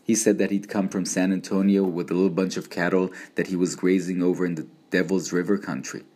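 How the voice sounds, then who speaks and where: A man reads a story aloud in a very deep voice. His narration is steady and measured, told in the first person. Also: husky. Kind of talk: audiobook narration.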